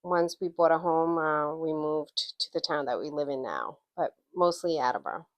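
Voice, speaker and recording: Middle-aged woman from Guatemala, reflective interview guest, very low voice. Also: moderate pace. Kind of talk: casual interview.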